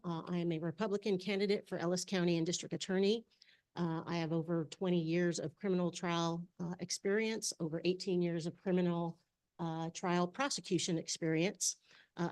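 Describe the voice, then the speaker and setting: A woman with a slightly low voice addresses a city council from the public podium. She speaks in a measured, deliberate way, with many filler sounds between phrases. Her tone is formal and earnest. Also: darkish tone. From Texas. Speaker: public commenter, candidate. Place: council chamber.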